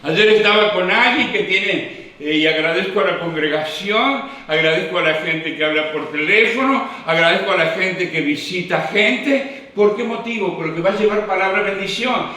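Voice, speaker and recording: A man's voice: high voice, normal speed, bright, forceful tone. A man, preaching a sermon as pastor with a fervent, repetitive cadence. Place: church hall. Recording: echoey hall, distant mic.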